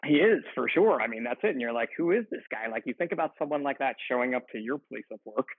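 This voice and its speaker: A man's voice: medium pitch, expressive, fast, husky, dry recording. A man, a firefighter, chatting casually as a podcast guest, rambling with frequent laughs and restarts. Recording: dry tinny phone-like line.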